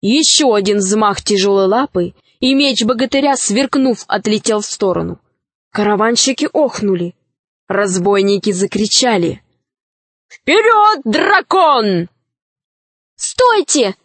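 A woman narrating a fairy tale aloud in an expressive, measured way. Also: mid-range voice, no echo.

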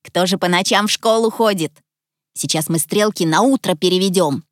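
A woman voicing a calm, wise magical clock creature who speaks in a steady, reassuring tone. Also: fairly low pitch, normal speed, dry recording, studio quality, natural voice.

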